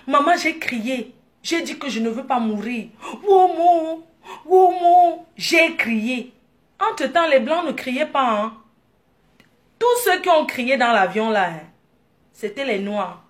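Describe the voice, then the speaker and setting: A woman from Africa, telling a story in a casual vlog, animated and laughing with excited bursts. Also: on the high side, unhurried. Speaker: vlogger.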